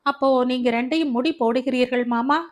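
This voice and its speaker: A woman voicing a calm, stubborn young man who questions his uncle coolly, in a storybook reading. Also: high voice, fairly quick, close to an everyday voice. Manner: cool, questioning.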